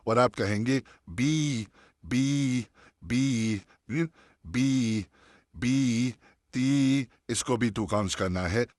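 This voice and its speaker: Male instructor, lowish voice, dry close recording, patient and repetitive, drawing out demo sounds. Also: no room sound. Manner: patient, repeats sounds slowly for practice. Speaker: Tajweed teacher. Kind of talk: online class instruction.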